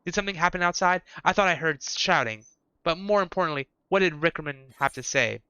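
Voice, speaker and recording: A man's voice: on the high side, fast talker, bright, forceful tone, smooth, dry recording, lo-fi sound. A man reading aloud the formal, solemn lines of a house official in a video game.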